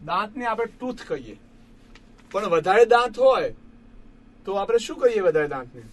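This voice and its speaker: High-voiced man teaching a patient lesson. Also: sing-song. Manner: patient, repeats each word slowly for students; addresses listeners as friends. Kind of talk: classroom lesson explaining English grammar.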